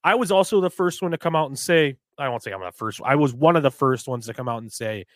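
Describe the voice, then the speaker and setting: A man from New Hampshire co-hosting a casual sports podcast, animated and quick to get heated, swearing freely. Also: medium pitch, no room sound. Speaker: podcast co-host.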